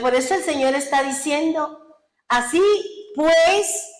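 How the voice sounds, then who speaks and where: Lady pastor preaching, kinda high voice, lots of room echo. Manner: earnest preaching with exhortations and retold conversations. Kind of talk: sermon.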